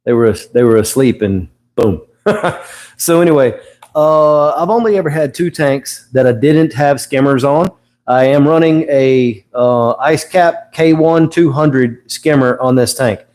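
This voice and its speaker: A man's voice: medium pitch, a little slow, darkish tone. A middle-aged man hosting a casual livestream, rambling as he teaches and often correcting himself with a chuckle. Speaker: host of an aquarium livestream.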